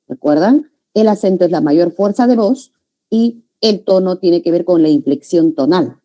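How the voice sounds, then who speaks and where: Mellow-voiced woman teaching a lesson. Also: lowish voice. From Peru. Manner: explanatory, frequent tag questions, spells out sounds slowly. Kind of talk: classroom lecture.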